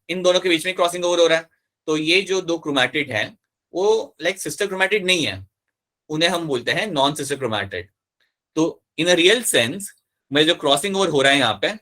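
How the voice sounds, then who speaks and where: A man teaching a live biology class in a bright, forceful voice. He goes step by step, repeating the key terms and asking his students whether they follow. He switches freely between Hindi and English mid-sentence. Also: on the high side. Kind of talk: live online class lecture.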